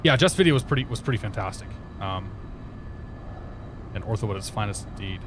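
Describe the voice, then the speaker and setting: Chatting casually as he pilots a flight simulator, a man on a livestream greets his viewers by name through his headset. His voice is fairly low with lively intonation, he speaks a little fast, and a little hiss or hum can be heard.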